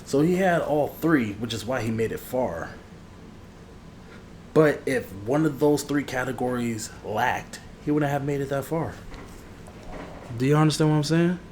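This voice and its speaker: Playing an ASMR barber, a man chats casually in slang, rambling in a familiar way through the roleplay. His mid-range voice is a little mellow and a bit slow, with frequent pauses, and the background noise comes through clearly.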